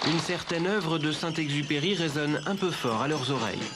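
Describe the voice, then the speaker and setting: A man narrates regional news items in a measured, crisp manner, his voice sitting a little high. Street and traffic sounds come through clearly behind him.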